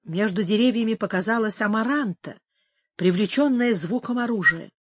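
A woman narrating a romantic adventure novel in an audiobook, measured and expressive. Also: medium pitch, no echo.

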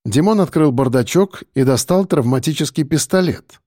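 A man narrating an audiobook with dramatic energy, his pitch moving in lively swings. His voice sits a little above the usual male range. The recording is close-miked and completely dry. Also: moderate pace, dry recording.

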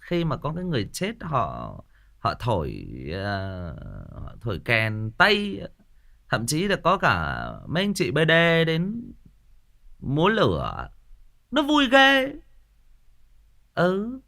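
A man chatting casually on a livestream. His voice is bright and lively, and it rises and falls a lot. He jokes around and stumbles over repeated words as he thinks aloud. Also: medium pitch, unhurried, vocal fry. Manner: chatty, repeats words while searching for them; playful, joking. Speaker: ghost story channel host.

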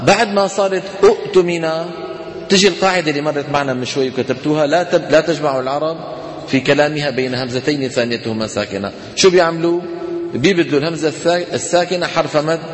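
A man with a Levantine Arabic accent teaching a tajweed lesson, talking casually to students, checking they follow and chanting examples slowly. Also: a little high. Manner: conversational, asks students rhetorical questions. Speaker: Quran recitation teacher. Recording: echoey hall reverb.

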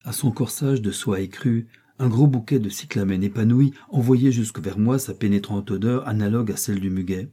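A man calmly narrating a classic novella in a measured, literary reading voice with a husky quality. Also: lowish voice. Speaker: audiobook narrator.

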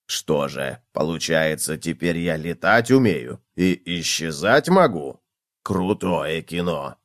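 A man voicing a male cockroach in a children's storybook, talking in a low, hushed, drawn-out way. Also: big pitch swings, no room sound, clean studio sound, full character voice. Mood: curious. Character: deep slow excitable male cockroach. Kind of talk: storybook reading.

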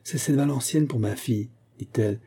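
A man voicing an excitable middle-aged woman shopper who eagerly shows off her purchases. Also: medium pitch, fairly quick, breathy edge, close to an everyday voice. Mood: excited.

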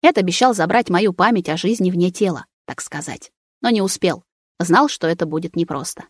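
A woman's voice: on the low side, normal speed, breathy edge, dry recording, studio quality. A woman narrating a first-person story as an audiobook, reading every character's lines in her own voice.

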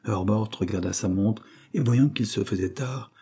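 Husky, dark-voiced male narrator. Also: on the low side, moderate pace. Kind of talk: audiobook reading of a classic novel.

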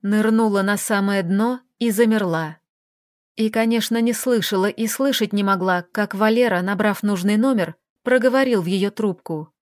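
A woman's voice: mid-range voice, moderate pace, dry recording. Woman narrating, dry close sound. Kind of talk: audiobook narration.

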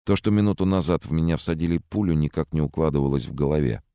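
A man's voice: very deep voice, fast, dark tone, smooth, no echo, studio quality. A man narrating a thriller audiobook in the first person, reading expressively.

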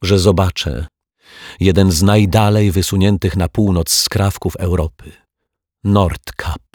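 A man's voice: low-pitched, steady tone, darkish tone, no echo, studio quality, voice pushed up. A man voicing a prim, touchy middle-aged female teacher who talks defensively and earnestly in an audiobook. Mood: insistent. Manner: defensive, earnest, dramatic pauses. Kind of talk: audiobook character voice.

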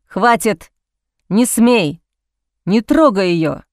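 A woman reading an audiobook, voicing a defiant young man held captive, speaking hoarse and strained. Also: mid-range voice, animated, very slow, no room sound, clean studio sound.

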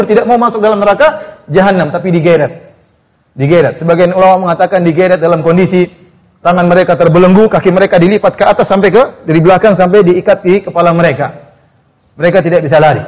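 A man giving a Quran exegesis lecture in an animated preaching manner, slowing down to chant Arabic verses and adding mocking asides. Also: high-pitched. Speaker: Islamic preacher.

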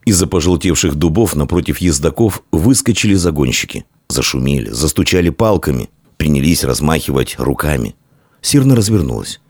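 A man narrating an audiobook in an expressive, dramatic storytelling manner. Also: very deep voice, a little fast, breathy edge, no echo, clean studio sound.

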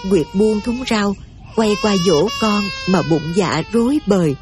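A woman narrating an audio drama in a steady, emotive storytelling manner. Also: medium pitch, measured pace, noisy background.

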